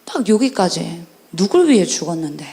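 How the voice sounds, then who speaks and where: A woman evangelist preaching a sermon to children at a church camp service, animated and constantly questioning her listeners. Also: fairly low pitch. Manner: animated, questioning the audience, drawn-out stressed endings. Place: church sanctuary. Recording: echoey church hall.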